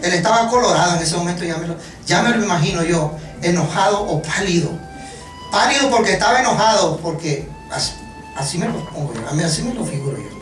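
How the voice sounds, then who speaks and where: Animated preacher in an echoey church. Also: medium pitch. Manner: animated, joking, halting restarts. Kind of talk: sermon. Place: church hall. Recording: echoey room from far off, music behind.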